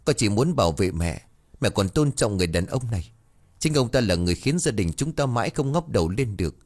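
A man voicing a headstrong, bitter teenage girl who shouts back defiantly in a storybook reading. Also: lowish voice, sing-song, normal speed.

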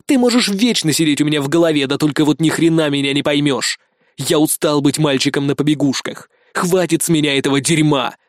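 A man's voice: a little high, a little fast, dry recording, close to an everyday voice. A male reader playing an angry, defiant young man who snarls and swears sarcastically, on a dry close mic.

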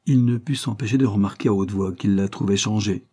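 A man reading a classic novel aloud as an audiobook in measured scripted narration. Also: fairly low pitch, warm tone, breathy edge. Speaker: audiobook reader.

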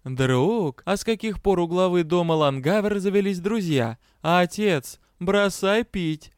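A man voicing a furious, fearless young female vampire who shouts and threatens. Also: sits high, a little slow, smooth, dry recording, clean studio sound, pitched above the performer's own voice. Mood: scolding.

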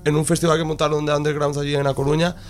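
Hesitant man, slightly higher voice. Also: flat delivery, very fast, soft background music. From Spain. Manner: hesitant, searches for words, friendly. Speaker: band musician, interview guest. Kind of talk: casual radio interview.

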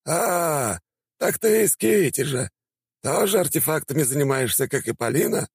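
A man's voice: a little high, sing-song, normal speed, husky, dry recording, voice pushed up, full character voice. A man voicing a jovial elderly male teacher in an audiobook, drawling and exclaiming heartily. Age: older. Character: spry old male teacher, jovial and warm.

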